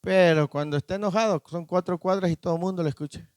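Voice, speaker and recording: Pastor, male, high voice, close dry sound, preaching with call-and-response questions. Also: fast talker, smooth, dry recording. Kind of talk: sermon. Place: church.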